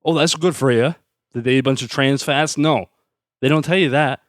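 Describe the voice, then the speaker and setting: A man hosts his own podcast and rants in a sarcastic, worked-up way. His voice sits at an ordinary middle pitch. The recording is dry and close, with no room echo. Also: normal speed. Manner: fired-up, sarcastic ranting. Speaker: podcast host. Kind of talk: solo podcast rant.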